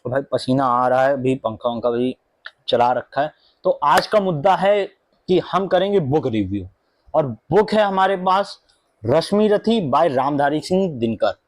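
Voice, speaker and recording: A man's voice: a little high, lively intonation, a little slow, dry recording. Chatty young man vlogging. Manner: chatty, mixing Hindi and English, many fillers and asides. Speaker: book reviewer. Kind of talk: casual book review vlog. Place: indoor room at home with a fan running.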